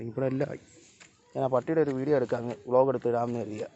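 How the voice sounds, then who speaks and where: A man's voice: medium pitch, fairly even intonation, racing, warm tone, lo-fi sound. A man filming a casual vlog outdoors beside flooded fields, chatting to the camera and calling his dog and cats to follow him. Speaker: vlogger. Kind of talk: casual vlog narration while walking outdoors.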